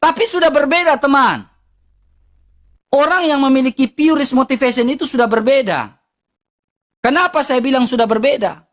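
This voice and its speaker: A woman's voice: sits high, moderate pace, long pauses. Emphatic woman, eastern Indonesian accent. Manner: emphatic, repetitive, blunt. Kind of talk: heated livestream rant.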